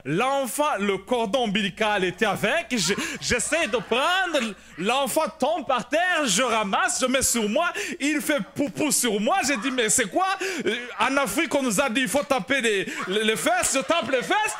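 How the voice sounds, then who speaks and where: A male pastor, telling a personal story in a sermon, animated and shouting at the dramatic moments. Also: very high-pitched, measured pace, few pauses. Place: church prayer meeting.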